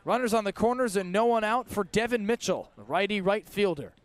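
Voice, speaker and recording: Brisk and animated, a man's high voice carries live radio baseball play-by-play from an outdoor ballpark, with no echo. He gives short, vivid calls that rise along with the action.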